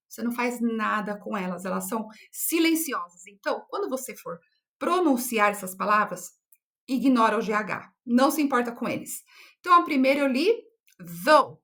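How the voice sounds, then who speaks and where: A young adult woman from Brazil teaching an English lesson, patient and clear, repeating words slowly for practice and checking in often with short questions. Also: on the high side, pushed and bright.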